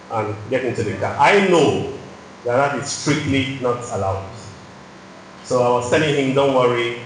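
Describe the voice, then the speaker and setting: A man's voice: medium pitch, a little hiss or hum. A man with a Nigerian accent preaching a sermon in a church hall, telling a personal story and often adding "you know".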